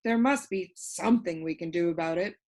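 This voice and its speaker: A woman's voice: on the low side, fairly quick, a little mellow. A woman playing a commanding yet sorrowful storybook king with a regal, declamatory manner. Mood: sad, grumbling.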